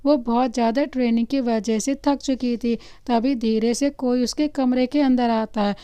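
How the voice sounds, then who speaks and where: A woman storyteller reading a romantic story aloud in a steady, expressive narration. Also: on the high side, moderate pace, smooth, no room sound.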